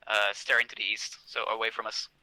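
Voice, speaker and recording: A man's voice: lowish voice, little pitch movement, fairly quick, sharp tone, low-quality recording. A man making short tactical callouts as a squad member in a military game.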